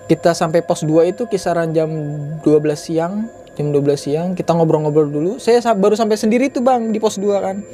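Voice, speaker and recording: A man's voice: high-pitched, fairly quick, warm tone, soft background music. A man in his twenties telling a personal story in a loose, chatty way. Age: 20s. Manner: chatty, loose, fills sentences with "gitu" and "Bang". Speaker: guest storyteller. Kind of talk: casual storytelling.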